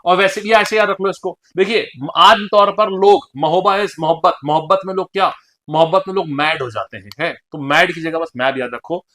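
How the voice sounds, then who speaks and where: Lively male Hindi exam tutor. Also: sits high, normal speed. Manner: animated, addresses students directly, acts out dialect phrases. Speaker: teacher. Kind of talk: exam-prep lecture in Hindi.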